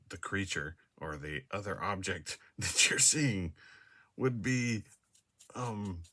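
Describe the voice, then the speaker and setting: A man's voice: deep voice, pushed and bright. A man talking casually to his device camera in a room, rambling and hesitant with many fillers and restarts, often laughing at himself. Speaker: vlogger. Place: a room indoors. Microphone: device camera mic.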